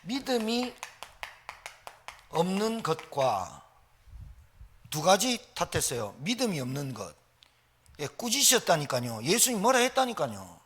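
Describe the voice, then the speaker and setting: High, lively pastor preaching. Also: male voice, unhurried, pauses often, husky. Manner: emphatic preaching with rhetorical questions. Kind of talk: sermon.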